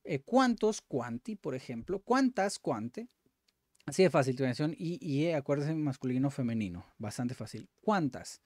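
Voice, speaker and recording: A man's voice: medium pitch, sing-song, normal speed, a little mellow, dry recording, studio quality. A man who hosts a language-learning video, thinking aloud and correcting himself as he works through exercises. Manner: thinking aloud, self-correcting, frequent "vale?" and "ok". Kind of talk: casual commentary while doing language exercises.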